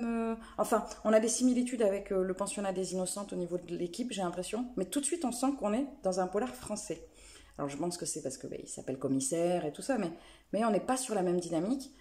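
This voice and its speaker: A woman's voice: mid-range voice, dark tone. A woman reviewing books in a casual chat, hesitant and full of fillers. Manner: chatty, hesitant with many fillers. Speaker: book and knitting vlogger.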